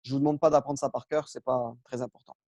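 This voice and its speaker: A man teaching a relaxed lesson, patient and step by step, with frequent fillers and self-corrections. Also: medium pitch, quick pace, no echo, clean studio sound. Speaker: Arabic teacher. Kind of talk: casual lesson on Arabic spelling.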